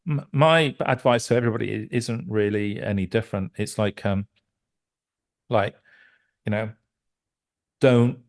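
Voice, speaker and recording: A middle-aged man talks in a lowish voice as an interview guest. He rambles and restarts his sentences, with plenty of fillers along the way. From England. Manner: rambling, stop-start with many restarts and fillers. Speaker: guest, musician and producer. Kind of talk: casual interview chat.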